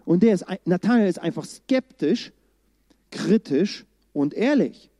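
A man giving a casual, lively sermon, acting out the quoted lines in everyday speech. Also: high-pitched, measured pace, dry recording. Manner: lively, colloquial, acts out quotes. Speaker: preacher.

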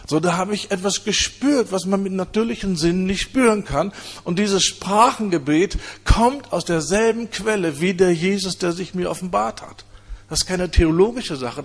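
Man, husky voice, slightly high, earnest testimony sermon, hesitant storytelling. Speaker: preacher.

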